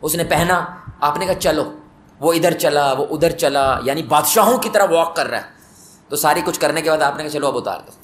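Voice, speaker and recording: A man's voice: fairly high pitch, reverberant. A man preaching a mosque sermon, telling stories and putting questions to his listeners, with emphatic rising peaks. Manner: storytelling, asks the audience questions, rises to emphatic peaks. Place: mosque hall.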